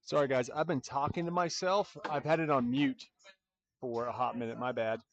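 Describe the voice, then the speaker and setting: A man giving relaxed, chatty live commentary on a tournament stream, talking straight to viewers. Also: medium pitch, normal speed, lo-fi sound. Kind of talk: casual livestream commentary. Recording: faint background noise and clicks.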